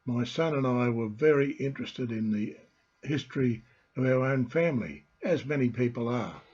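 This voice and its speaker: An older man with a husky, slightly rough voice speaks as a storyteller and host. He gives an informal talk to viewers in deliberate, halting phrases. The sound is a little dull and lo-fi. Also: mid-range voice, lively intonation, a little mellow. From Australia. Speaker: host, family historian and storyteller.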